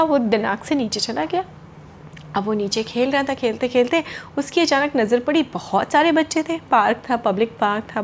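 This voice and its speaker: A woman's voice: high-pitched, slight background noise. A woman telling a story to children, explaining words to her young listeners along the way.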